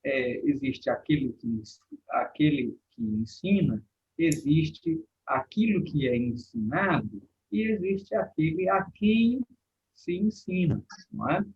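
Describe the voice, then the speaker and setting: A man talking through his ideas in a casual panel discussion, pausing and restarting his sentences often. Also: fairly high pitch, expressive, breathy edge, lo-fi sound. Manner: thinking aloud with many fillers and restarts. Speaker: guest teacher in a panel talk.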